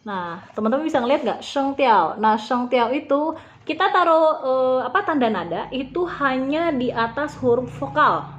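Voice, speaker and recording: A woman teaching a beginner language lesson, patiently spelling out sounds and repeating them slowly. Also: high voice, animated, highs cut off, a little hiss or hum.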